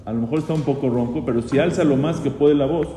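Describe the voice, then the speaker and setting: A man's voice: a little high, fast, warm tone. A man, a rabbi teaching a class on religious law. He quizzes his students and repeats key phrases, mixing Hebrew terms into his speech. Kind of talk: Torah law lesson to students. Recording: echoey hall with long reverb, faint noise.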